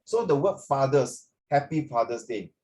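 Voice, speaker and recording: Warm in tone and animated, this middle-aged man's medium-pitched voice moves at a normal pace. He teaches languages and, with a Singaporean accent, chats casually in class, switching between English and Mandarin and often saying tags like "ah".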